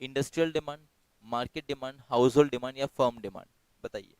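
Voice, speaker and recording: Hoarse teacher with a clear, dry voice. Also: male voice, medium pitch, a little mellow, no room sound, rough recording. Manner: reads questions slowly, explains quickly in mixed Hindi and English. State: sore throat, clearing it often. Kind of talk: online multiple-choice class. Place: home.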